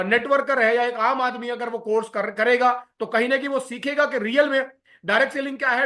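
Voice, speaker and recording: Man, business seminar presenter, very high-pitched, bright voice, explanatory, filler pauses. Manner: explanatory, lists terms, frequent filler pauses, mixes English phrases.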